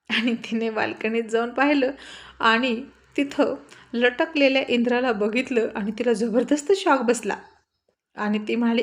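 A woman narrating a story in a steady, plain reading voice. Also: on the high side.

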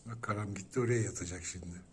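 A man's voice: lowish voice, fast talker, a little hiss or hum. A man talking to his pet cats at home, coaxing and soothing them with many repeated calls. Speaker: pet owner. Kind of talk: casual talk to pet cats.

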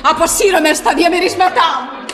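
Agathe, a prim, disapproving sister. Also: female voice, very high-pitched, over music. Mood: indignant. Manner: prim, indignant. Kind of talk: radio drama acting. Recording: old radio archive recording.

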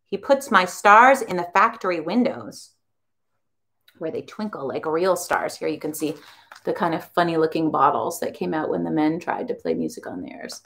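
A woman who teaches a children's music class, reading a storybook aloud in an expressive, animated way. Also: deep voice, moderate pace, vocal fry.

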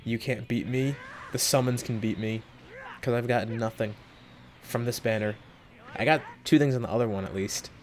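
A young man hosting a mobile game summoning video, talking casually to viewers and yelping with excitement between low muttered comments. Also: moderate pace, slight background noise. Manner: excitable, jumps into high yelps when hyped, muttering between pulls. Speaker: gaming video host. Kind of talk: casual gacha summon reaction.

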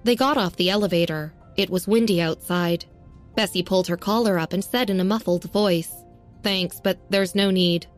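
A woman narrating a serialized audio story in a steady, even reading. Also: on the low side, a little fast, soft background music.

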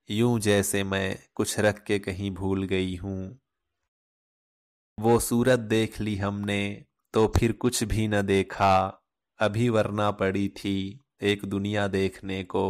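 Male host reading love poetry: deep, flat and unhurried, measured and solemn, scripted. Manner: slow, measured, solemn delivery. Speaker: channel host and poetry reciter.

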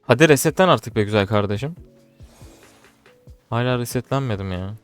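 A young man talks over his gameplay, muttering low one moment and shouting at the screen the next. His voice sits at an ordinary middle pitch. Faint game music plays underneath. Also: animated, normal speed, smooth. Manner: frustrated, swings from muttering to shouting. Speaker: gaming streamer. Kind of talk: live gameplay commentary.

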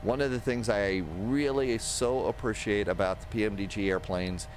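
Casual flight simulator instruction comes from a man in his sixties with a lowish voice and a moderate pace, who narrates each step to himself out loud. Recorded indoors at a home streaming desk on a close microphone, it carries steady simulated engine and cockpit noise behind it.

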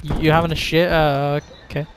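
Fairly quick and high-voiced, a young gaming channel host chats casually through his gameplay, swearing a lot, laughing, and getting loud and excited. Game audio with gunfire runs behind him, along with a little hiss or hum.

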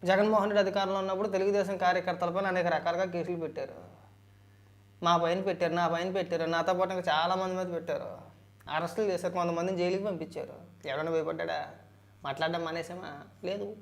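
A man's voice: high voice, little pitch movement, fast. A man giving political commentary, arguing back with rhetorical questions.

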